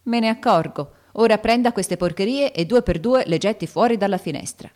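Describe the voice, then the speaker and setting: A woman reading aloud and voicing an irritable older male schoolteacher who gives orders in a booming, commanding voice. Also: lively intonation, normal speed, lightly acted. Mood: stern, scolding. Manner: stentorian, commanding.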